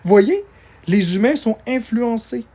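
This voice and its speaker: A man's voice: extremely high pitch, lively intonation, slow pace, warm tone. A man, tired, chatting casually on a live stream as he answers viewer comments and thanks people for gifts.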